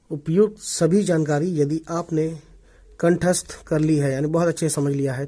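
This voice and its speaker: A man teaching an Urdu writing lesson in Hindi, repeating words slowly and often checking that viewers follow along. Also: on the high side, dark tone. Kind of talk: online language lesson. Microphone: omnidirectional desk microphone.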